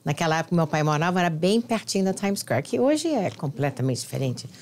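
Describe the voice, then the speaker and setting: A woman's voice: lowish voice, very animated, brisk, darkish tone. A woman who grew up in New Jersey, hosting a podcast interview in casual chat with short friendly replies. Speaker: podcast host, immigration lawyer.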